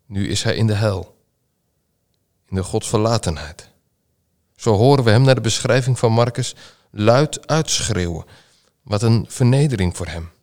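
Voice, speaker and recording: A man reading scripture and giving a sermon meditation in a slow, measured, solemn way. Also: fairly low pitch, darkish tone. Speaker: preacher.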